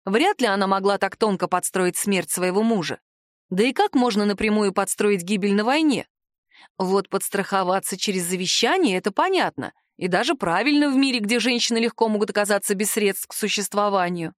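A woman reading a first-person fantasy audiobook aloud in a lively, expressive way. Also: mid-range voice, brisk, no room sound, clean studio sound. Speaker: audiobook narrator.

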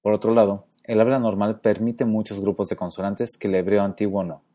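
Low-voiced guy reading a language lesson, calm and measured, slows way down on the example words. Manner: measured and explanatory, slowing to spell out example words. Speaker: language lecturer. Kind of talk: scripted educational narration.

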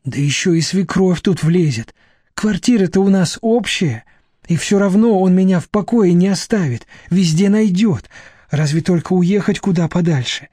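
A man's voice: high-pitched, normal speed, warm tone, husky, no echo, studio quality, voice pushed up. A man reading an audiobook, voicing a timid young woman who talks in a plaintive, pleading way. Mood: agitated. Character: timid young woman, fearful and self-pitying.

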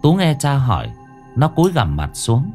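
A man reading a scripted ghost story as narrator, with expressive storytelling. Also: medium pitch, normal speed. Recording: faint music behind.

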